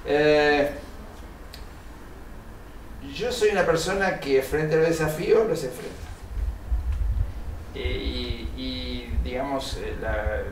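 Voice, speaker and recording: A man's voice: medium pitch, takes it slowly, long pauses. An older man born in Italy, answering interview questions earnestly, with many hesitant fillers. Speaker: interview guest, engineer and researcher. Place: TV studio set. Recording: roomy, distant mic, noisy.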